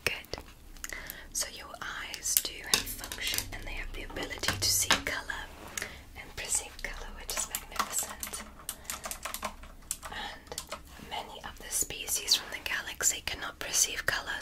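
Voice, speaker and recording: A woman performs a whispered ASMR roleplay as a calm, clinical alien doctor who is female. She talks softly and reassuringly, delivering instructions that are precise and measured.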